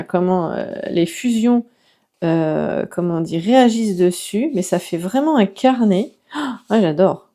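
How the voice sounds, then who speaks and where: A woman chatting casually to her viewers as she unboxes art supplies, enthusiastic and exclamatory, often pausing to search for words. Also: medium pitch, dark tone. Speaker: watercolour artist and video host.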